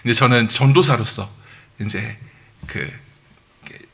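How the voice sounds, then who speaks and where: Man, 30s, church preacher, animated storyteller, bright forceful tone. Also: mid-range voice, a little slow, gravelly. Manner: animated storytelling with acted quotes and chuckles. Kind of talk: sermon.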